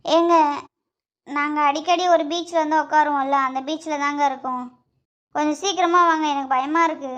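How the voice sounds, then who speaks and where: A woman's voice: high-pitched, steady tone, normal speed, a bit bright. A woman voicing a frightened young wife in a cartoon, panicky and stammering. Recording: dull lo-fi audio.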